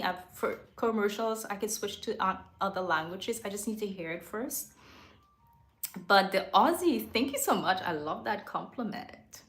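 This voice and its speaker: Speaking into a microphone, a woman with a mid-range, slightly bright voice runs a relaxed livestream facing the camera from a home studio. She chats freely, laughs a lot and fixes her words as she goes, and the room adds echo.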